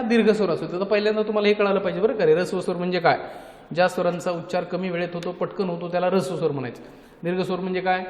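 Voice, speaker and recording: A man's voice: sits high, darkish tone. A male teacher giving a grammar lesson with a Marathi accent. He asks his own questions and answers them, repeating each key point. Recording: echoey, noisy room.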